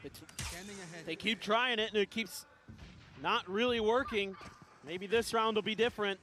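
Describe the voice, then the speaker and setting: A man's voice: high voice, normal speed, pushed and bright, slight background noise. A man giving esports caster analysis as a match commentator.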